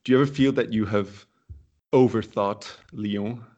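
A man hosting a casual football podcast, playful and quick to laugh. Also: on the low side, fairly even intonation, a little mellow, dull audio. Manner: playful, laughs often, drawn-out exclamations. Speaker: podcast host.

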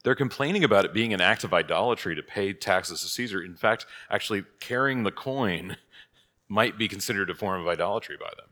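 A pastor leading a prayer and then teaching a catechism class in a conversational way, thinking aloud, heard with a cathedral-like echo. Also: male voice, on the low side, animated, brisk, sharp tone. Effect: cathedral-like echo, long hall reverb. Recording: long reverb in a large hall.

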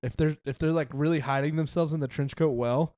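A man's voice: on the high side, steady tone, fairly quick, dark tone, no echo. A young man co-hosting a casual podcast, earnest and encouraging. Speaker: podcast co-host.

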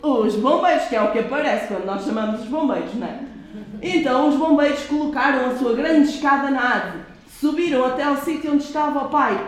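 High-voiced woman storyteller in an echoey room. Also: slight background noise. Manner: lively, asking the children questions. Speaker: children's storyteller. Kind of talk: reading a picture book aloud to children.

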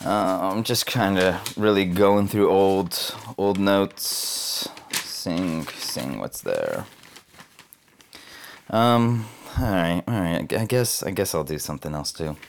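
Young man from Southern California, slangy cynical vlogger, lower pitch. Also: expressive, takes it slowly, a little hiss or hum. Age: 20s. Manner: laid-back, slangy, cynical, full of fillers. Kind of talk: casual rambling monologue.

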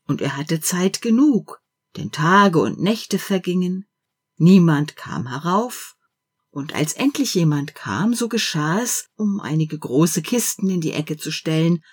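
A woman narrating a fairy tale slowly and expressively, swinging between hushed passages and loud, lively ones. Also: on the low side, husky. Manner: slow, expressive storytelling with wide swings between hush and loud.

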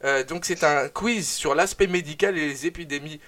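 Speaking a little high at a normal speed, a young man runs a quiz and announces segments on his live radio show. His delivery is lively and full of fillers, with slight background noise.

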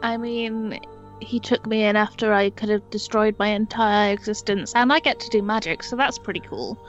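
A woman playing a tabletop role-play game, talking casually in character with a flippant deadpan. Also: medium pitch, normal speed. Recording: dull lo-fi sound, music behind.

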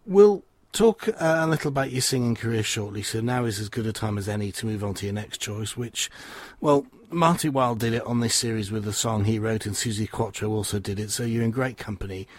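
A man's voice: fairly low pitch, fairly quick, hardly any pauses. A man hosting an interview, asking questions earnestly and enthusiastically. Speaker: radio host. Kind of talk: interview, presenting.

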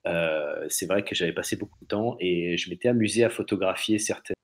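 A man talking casually on a podcast, halting and repeating himself as he searches for words. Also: low-pitched.

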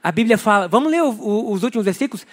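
A man's voice: sits high, lively intonation, quick pace. A man with a Brazilian accent preaching a sermon in a chatty way, often putting questions to the congregation. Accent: Brazilian Portuguese. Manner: conversational, asking the congregation questions. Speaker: pastor.

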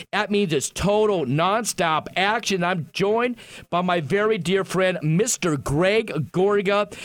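A man with a high-set voice hosts radio in the grand manner of a ringmaster. His delivery is bombastic and effusive, stacking superlatives like a showman. The sound is very dry, with no room around him. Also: no room sound. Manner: bombastic ringmaster-style announcing. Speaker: radio show host.

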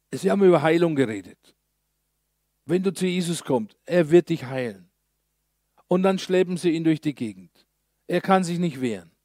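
A male pastor preaching a sermon, telling a story in a lively way with slow, emphatic pauses. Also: a little high, no echo, clean studio sound.

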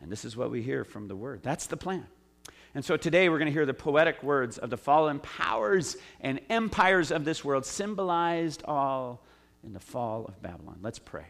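A man's voice: mid-range voice, big pitch swings, normal speed, gravelly, a bit bright. A middle-aged man from the United States, a pastor giving a sermon in a conversational way, with asides and frequent "uh" fillers.

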